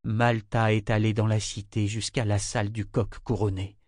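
A man voicing a drunk, exhausted grown man who pleads in a slurred, drawn-out way. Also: fairly low pitch, flat delivery, a little mellow, no echo, studio quality, close to an everyday voice. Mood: weary pleading.

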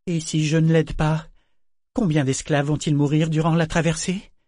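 Man playing a fierce female ship figurehead, high and loud, hard and urgent, storybook reading. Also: little pitch movement, normal speed, no room sound, clean studio sound, lightly acted.

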